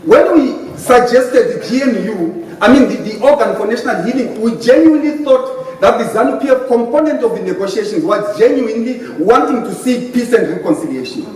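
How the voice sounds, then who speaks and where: A man's voice: very high voice, lively intonation, a little fast, few pauses, darkish tone. Impassioned Zimbabwean man in echoey hall. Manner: impassioned, emphatic, switching between English and Ndebele. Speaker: political party panelist. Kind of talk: debate speech. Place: hotel conference hall. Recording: very echoey hall, distant mic, faint noise.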